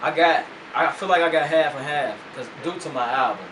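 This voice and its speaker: A young rapper speaks quickly in a rather high voice during a casual radio-studio interview, relaxed and heavy on slang and filler words. The audio is roomy and humming, picked up by a distant microphone.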